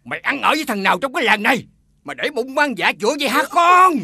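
A middle-aged man playing a widowed village father who scolds loudly and wails laments melodramatically, over faint music. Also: extremely high pitch, very animated, quick pace, vocal fry, breathy edge, no echo, clean studio sound, exaggerated voice. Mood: scolding.

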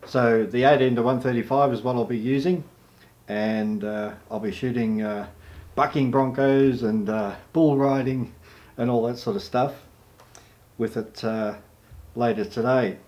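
Relaxed Australian man, rambling vlog. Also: mid-range voice, unhurried. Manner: relaxed and rambling, with many "uh" fillers. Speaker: photojournalist and camera reviewer. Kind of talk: casual vlog talk to camera.

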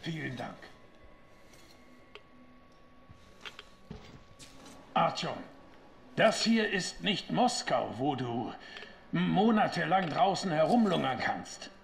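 An actor playing a stern older colonel in a video game, with a gravelly voice and commanding, clipped manner. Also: male voice, on the high side, big pitch swings, measured pace, heavily acted. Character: stern older military colonel leading his squad. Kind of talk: dramatic video game acting. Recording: roomy, with background noise.

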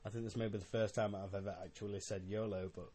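Young male podcaster, lowish voice, mildly drunk, casual and halting rambling delivery. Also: little pitch movement, warm tone. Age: young adult. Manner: halting, rambling, with repeated words and swearing. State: a little drunk. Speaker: podcast host.

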